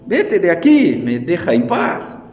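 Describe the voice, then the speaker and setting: A man's voice: a little high, huge pitch swings, measured pace, a little mellow, voice pushed up. A man with a Brazilian Portuguese accent voicing an uncaring ram who shoos someone away in a sermon story, in an echoey hall with faint music. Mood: brusque. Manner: brusque, shooing.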